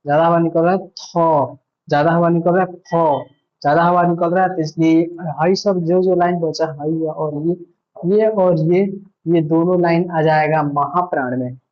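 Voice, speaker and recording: A man's voice: on the high side, fairly even intonation, normal speed, lo-fi sound. A male teacher giving an online grammar lesson, patiently repeating points and asking himself questions.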